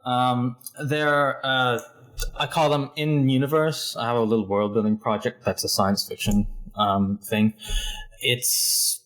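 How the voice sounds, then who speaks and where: A man's voice: mid-range voice, level tone, measured pace, fairly bright tone. A young man from Hong Kong, a guest in a casual interview, talking thoughtfully about himself with a self-deprecating humor and many restarts. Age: young adult.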